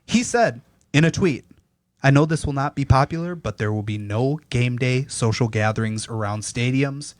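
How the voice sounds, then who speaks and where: A man's voice: medium pitch, normal speed, no room sound, studio quality. A young man hosting a casual sports podcast, reading headlines aloud and teasing his co-hosts between items. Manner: reads news items then riffs, teasing.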